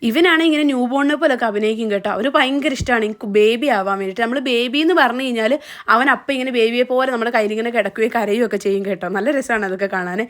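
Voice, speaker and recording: A woman's voice: fairly high pitch, a bit bright. A young woman, narrating a family vlog in a chatty, casual way. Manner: chatty, often adds a tag question. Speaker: vlogger.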